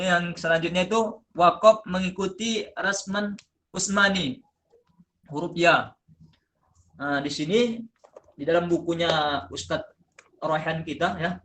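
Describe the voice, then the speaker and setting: Bright-voiced man teaching recitation rules. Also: high voice. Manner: explains steps, then slowly chants drawn-out example words. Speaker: presenter explaining Quran recitation rules. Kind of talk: classroom-style lesson presentation.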